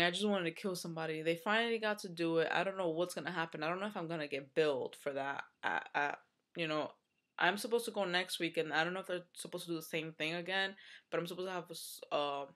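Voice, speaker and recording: A woman's voice: lowish voice, brisk, a bit bright. A young woman from the United States in a casual vlog, venting with frustration, swearing and using lots of fillers, with a runny nose. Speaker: vlogger.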